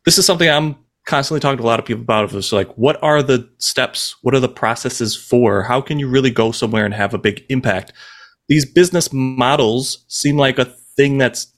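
A man co-hosting a podcast, speaking thoughtfully and hesitantly, often pausing to find his words and filling gaps with "like". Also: mid-range voice. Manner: frequent filler "like". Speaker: podcast co-host. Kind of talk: casual podcast chat.

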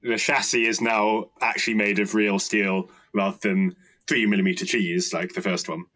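A man's voice: fairly low pitch, little pitch movement, normal speed, fairly bright tone. A man on a robot-fighting team, explaining technical points matter-of-factly in casual podcast chat. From United Kingdom.

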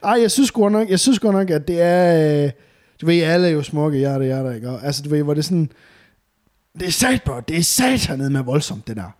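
A man's voice: a little high, animated, darkish tone. A man bantering casually as a podcast co-host, sweary and mixing in English slang.

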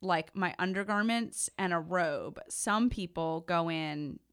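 A woman's voice: lowish voice, slow pace, fairly bright tone, clear, resonant tone. A woman hosting a casual podcast chat, eager and explaining things with plenty of "like" fillers. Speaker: podcast host.

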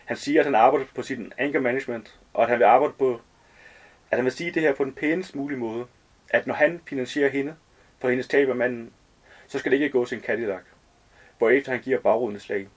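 A man's voice: medium pitch, breathy edge. Man reading his novel aloud. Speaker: author.

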